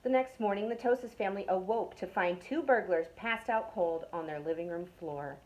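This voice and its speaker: A young woman telling a children's story from a youth club. Her reading is expressive and storybook-paced. At suspenseful moments she sinks into a hushed whisper. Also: mid-range voice, normal speed, poor audio. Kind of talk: reading a picture book aloud to children.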